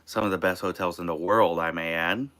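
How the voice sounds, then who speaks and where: An American man from Maine hosting a casual live stream of tips from inside an RV, halting and restarting his phrases. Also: low-pitched, fairly even intonation, fairly bright tone. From Maine, United States. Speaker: host of a live show.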